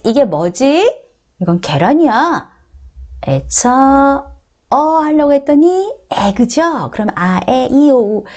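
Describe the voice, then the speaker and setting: A middle-aged woman teaching beginner English grammar with a Korean accent, drilling words slowly and coaxing her viewers. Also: fairly high pitch. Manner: addresses viewers often, coaxing and encouraging.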